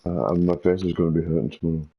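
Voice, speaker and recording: A woman's voice: very deep voice, steady tone, fast, breathy edge, highs cut off. A woman chatting on a headset mic while gaming, laughing a lot and swearing freely. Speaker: gamer chatting with a friend. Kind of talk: casual chat while gaming.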